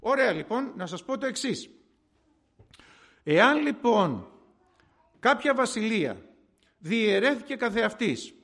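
A man's voice: sits high, fairly bright tone. A middle-aged man preaching a sermon in a conversational way, telling stories and asking and answering his own questions.

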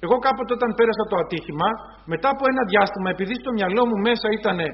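A high-pitched man delivers a sermon, often turning to his listeners as brothers and acting out little dialogues as he speaks. The recording sounds dull and lo-fi. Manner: retells scenes in quoted voices, addresses congregation as brothers. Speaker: preacher.

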